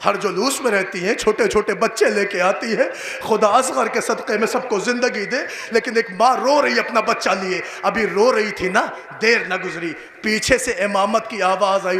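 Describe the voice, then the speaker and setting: A man with an Indian Urdu accent, a cleric giving an impassioned mourning sermon that rises into a chanted lament at an outdoor gathering. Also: high voice. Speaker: Shia cleric giving a majlis address. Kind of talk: mourning sermon rising to sung wailing. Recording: echoey live PA with crowd noise. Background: crowd of mourners.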